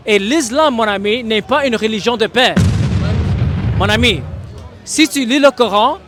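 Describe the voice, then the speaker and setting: A man's voice: sits high, a little slow, over music. A man debating on a city street, insistent and pressing, repeating the same address over and over. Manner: insistent, keeps repeating "mon ami". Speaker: street evangelist.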